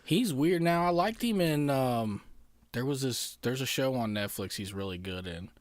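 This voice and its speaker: Lively crude podcast host, man. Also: medium pitch, normal speed, no echo, clean studio sound. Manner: joking, crude, rambling. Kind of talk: casual comedic podcast banter.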